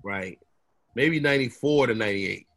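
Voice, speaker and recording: With a mid-range voice and a moderate pace, this Chicago man, a comedian, spins stories in relaxed conversation. He's lively about it, voicing the other characters himself.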